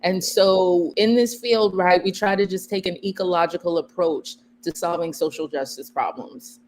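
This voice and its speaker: Woman from the bahamas, lowish voice, measured academic guest, faint hum. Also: darkish tone. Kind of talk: interview answers.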